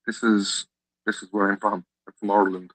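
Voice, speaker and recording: A man's voice: fairly low pitch, flat delivery, brisk, fairly bright tone, poor audio. A man calling into a livestream show, mumbling and defensive in casual talk. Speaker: caller. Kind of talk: casual call-in chat.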